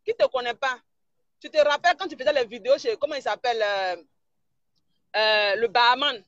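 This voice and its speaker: A woman's voice: on the high side, moderate pace, fairly bright tone, no room sound, highs cut off. A woman blogger, ranting mockingly and insulting someone during a live stream. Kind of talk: live-stream gossip rant.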